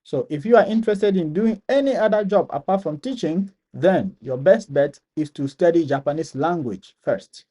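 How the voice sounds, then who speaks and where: A man with a Ghanaian accent runs a live-stream Q&A, reading viewers' comments aloud before answering each one. He often repeats his phrases for emphasis, and his voice sits a little higher than most men's. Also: expressive, normal speed, hardly any pauses, dark tone, slightly rough. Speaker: channel host answering viewer questions.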